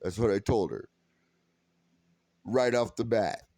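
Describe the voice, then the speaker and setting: A man's voice: on the low side, slow pace, mellow, dry recording. A man from California telling a story in a sarcastic, profane, rambling way. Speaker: vlogger. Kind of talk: casual storytelling rant.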